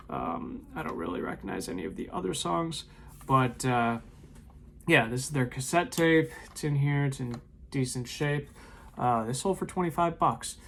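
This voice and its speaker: Sitting in a home room with shelves of tapes, a man who vlogs about reselling on eBay loosely recaps his weekend sales, with plenty of ums and uhs. His medium-pitched voice has vocal fry, and there's slight background noise.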